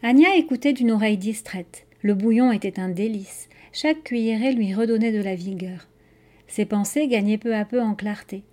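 A woman's voice: mid-range voice, moderate pace, warm tone. A woman reading a children's novel aloud, narrating steadily and expressively. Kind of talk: read-aloud storytelling.

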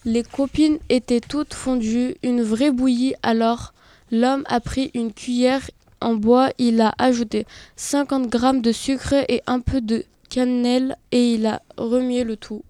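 A woman's voice: a little high, steady tone, unhurried, dark tone, no room sound, natural voice. A woman voicing a gossipy, dramatic female golden apple, telling her tale with indignant alarm in an amateur web radio reading. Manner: indignant, breathless storytelling.

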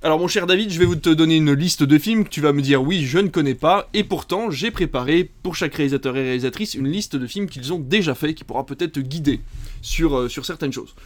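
A man's voice: fairly high pitch, fast. A man hosting a casual film podcast, reading a long list of titles with many hesitant fillers. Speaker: podcast host.

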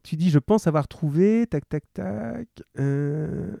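Lively, encouraging male teacher. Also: fairly high pitch, takes it slowly, creaky, no room sound, lo-fi sound. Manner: lively, encouraging, full of fillers. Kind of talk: live radio class with call-in students.

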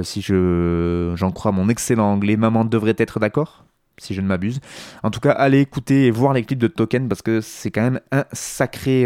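A man's voice: fairly low pitch, a little mellow, smooth, dry recording, studio quality. A man hosting a radio music show, talking casually with many hesitations and restarts.

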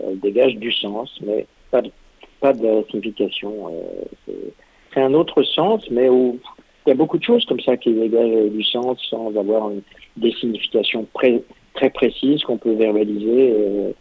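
A man, a composer, takes part in a radio interview over the phone, and the phone line makes him sound thin and tinny. His voice has a husky edge. He explains his ideas slowly, pausing and restarting as he thinks them through. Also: fairly low pitch. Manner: thoughtful, halting explanations. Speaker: composer and guest.

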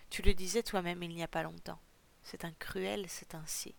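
A woman reading a storybook role of a fierce, quick-tempered young woman, blunt and scornful, in a low, level voice. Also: fairly even intonation, vocal fry.

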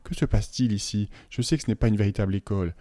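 A man's voice: on the low side, moderate pace, warm tone, no room sound, natural voice. A man voicing a frightened but defiant schoolboy who pleads and bursts out in anger. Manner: pleading, rising to angry outbursts.

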